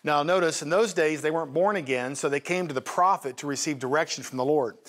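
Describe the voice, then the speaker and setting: A man hosting a faith and finance show, teaching from the Bible in an animated way. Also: on the high side, quick pace. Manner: animated, acts out Bible voices. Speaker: host and teacher.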